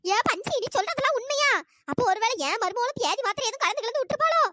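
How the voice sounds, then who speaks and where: A woman voicing a worried, gullible old mother-in-law in a comic skit, with a shrill, fretful manner. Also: animated, quick pace, pushed and bright, full character voice. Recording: noisy home recording.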